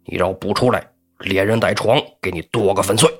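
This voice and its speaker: Man doing brutal drunk warrior, low voice, curt gruff orders, storytelling. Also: fairly quick, soft background music. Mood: gruff threats.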